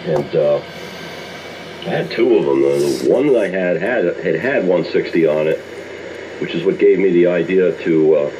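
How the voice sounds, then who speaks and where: A middle-aged or older American ham radio operator chats casually over a muffled, noisy AM shortwave signal with static behind him. His low, warm voice moves at a normal pace as he rambles, hesitates, and reminisces.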